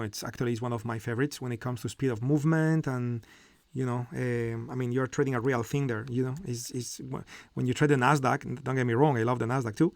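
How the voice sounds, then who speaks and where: A man's voice: medium pitch, a little mellow, no echo, studio quality. A middle-aged man hosting a live trading lesson, explaining step by step with frequent fillers and "okay?" check-ins. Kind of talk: live market commentary and teaching.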